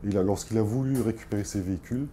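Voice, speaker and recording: A man's voice: on the low side, racing, dark tone. A man explaining a case in an interview, hesitant and repeating words as he goes. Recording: faint ambient noise.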